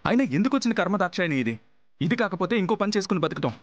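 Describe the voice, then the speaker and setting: A man's voice: high voice, expressive, racing, dry recording, dull audio. An actor playing a hot-tempered assistant who defends his wife and reproaches her. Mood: reproachful. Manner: angry, protective. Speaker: assistant and husband. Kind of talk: TV serial acting.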